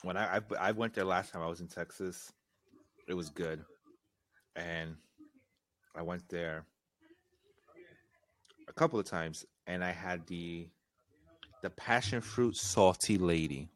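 A podcast host bantering casually, animated and full of slang, laughing often. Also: male voice, low voice, slow, pauses often. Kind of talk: casual chat.

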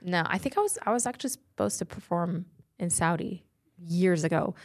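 A woman's voice: fairly low pitch, a little fast. A young woman comedian from the United States with a Valley girl accent, chatting casually as a podcast guest, telling stories full of "like" and acted-out quotes. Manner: animated storyteller, acts out quotes, frequent "like". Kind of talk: casual chat.

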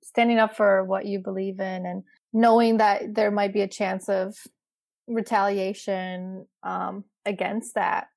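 A woman's voice: medium pitch, little pitch movement, measured pace, vocal fry, darkish tone. A woman interviewing an author, asking attentive, sympathetic questions.

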